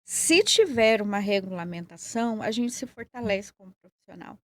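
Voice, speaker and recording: A woman with a São Paulo accent, answering interview questions in a measured, explanatory way. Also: medium pitch, animated. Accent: Paulista Brazilian Portuguese. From São Paulo, Brazil. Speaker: guest, acupuncturist and nurse.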